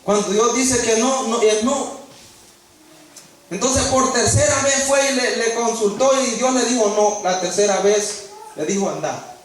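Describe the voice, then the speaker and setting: A man's voice: very high voice, a little slow, a little hiss or hum. A man preaching a sermon, acting out dialogue in changing voices. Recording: echoey room heard from a distance.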